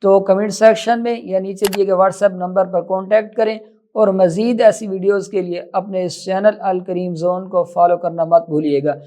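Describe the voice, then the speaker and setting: A man teaching Quran recitation, mixing brisk explanation with slow, drawn-out recited words. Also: sits high, fairly even intonation, dark tone, slight background noise. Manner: measured, instructive. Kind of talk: tajweed lesson.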